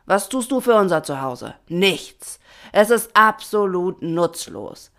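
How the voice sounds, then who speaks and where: A stern, proud piranha police chief barks orders in a loud, commanding voice, as a woman storyteller puts him on. The voice sits low and heavy, with a forceful edge on every command. He suits a children's storybook reading. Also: big pitch swings, slow pace, heavily acted. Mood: angry scolding.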